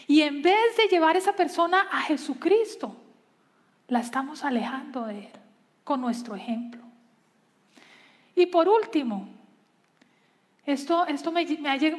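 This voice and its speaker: High-voiced woman preaching in a hall. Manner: earnest, pausing, slows for emphasis. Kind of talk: sermon.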